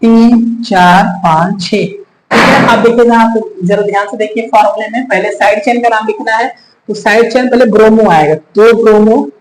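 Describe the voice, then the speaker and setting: A man's voice: high voice, normal speed, a little hiss or hum. A male chemistry teacher giving a whiteboard lesson, patiently repeating steps, counting aloud and addressing his students as children. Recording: echoey room, faint ambience.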